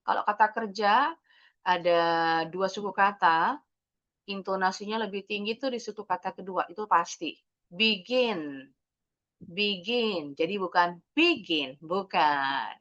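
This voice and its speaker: A woman's voice: mid-range voice, moderate pace, a bit bright, dull audio. An Indonesian woman teaching an English class, explaining patiently and mixing English words into her talk.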